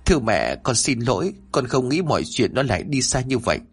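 A man's voice: mid-range voice, sing-song, a little fast, slightly rough. A man voicing a frightened, guilt-ridden young mother who pleads and apologizes in a horror story. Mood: pleading.

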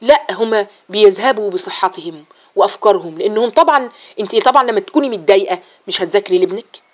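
Fast-talking Egyptian woman teaching religion. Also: medium pitch. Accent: Egyptian Arabic. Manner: lively, repeats phrases, acts out examples. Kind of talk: religious lesson to women.

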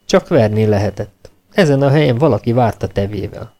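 A male audiobook narrator with a dark, mellow tone and a middling pitch. He reads in a steady, measured way.

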